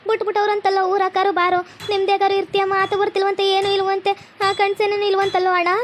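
A grieving young sister in a cartoon, voiced by a woman speaks with a North Karnataka Kannada accent. Her very high voice rushes along in a flat tune. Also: a little hiss or hum. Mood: plaintive. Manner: plaintive, pleading. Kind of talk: cartoon voice acting.

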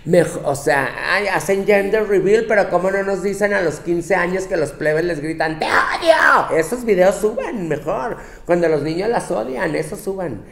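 A man's voice: high-pitched, expressive, normal speed, creaky, few pauses, fairly bright tone, exaggerated voice. A man voicing a bossy young Mexican woman with a Mexican accent, lecturing her girlfriends in a profane, scolding comic monologue. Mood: sassy ranting. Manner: brash, profane, scolding, with mocking quoted voices. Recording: roomy, echoey room.

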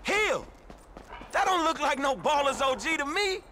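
Think of a level-headed young street guy from a video game, swearing in a slow drawl. His voice is high and lively. Loud game noise fills the background. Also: heavily acted. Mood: coaxing.

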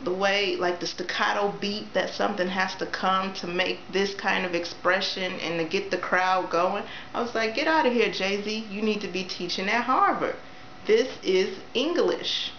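A chatty young woman with a fairly low voice gives an enthusiastic, filler-heavy book review straight into her camera. The sound is roomy and dull, like cheap built-in camera audio, with a faint hiss under it. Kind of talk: casual book review vlog. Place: small room indoors.

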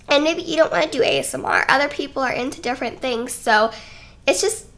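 Bright, chatty, high-voiced young woman. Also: fairly quick. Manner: chatty and rambling, giggly, self-conscious. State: a little out of breath. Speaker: YouTuber. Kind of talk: casual sit-down vlog talk. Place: home, indoors. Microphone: desk microphone.

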